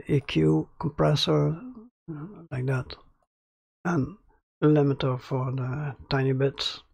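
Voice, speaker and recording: A man hosts a casual screen-recorded audio tutorial from a small home studio, speaking into a close studio mic about ten centimeters away. His fairly high, slightly mellow voice is crackly and gravelly, and he talks hesitantly, full of fillers and restarts. There is no echo.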